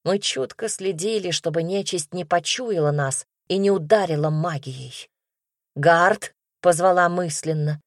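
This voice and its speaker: A woman's voice: on the low side, moderate pace, few pauses, no echo, studio quality. Woman narrating a fantasy audiobook.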